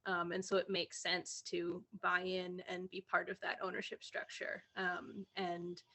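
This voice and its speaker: Woman panelist with a creaky voice, speaking hesitantly and with many pauses. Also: lowish voice, monotone, sharp tone. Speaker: employee-owner. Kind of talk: panel discussion answers.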